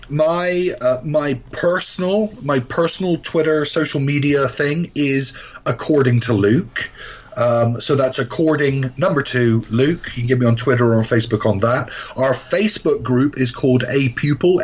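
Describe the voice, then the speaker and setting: A man's voice: mid-range voice, a little hiss or hum. A man from Canada, a guest on a podcast, speaking in a hesitant, casual way with many fillers. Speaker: guest, education activist. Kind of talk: casual interview talk.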